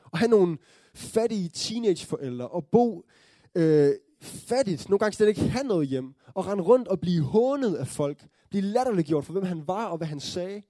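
A man with a high but mellow voice delivers a sermon in an earnest storytelling way. He checks in with his listeners through tag questions and rises into joyful excitement. The sound is dry and close. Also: no room sound. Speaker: preacher.

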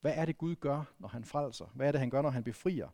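A man's voice: mid-range voice, vocal fry, mellow, no echo, studio quality. A man from northern Denmark preaching a sermon in a conversational way, often restarting and adding questions to the congregation. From Vendsyssel, Denmark. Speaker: pastor.

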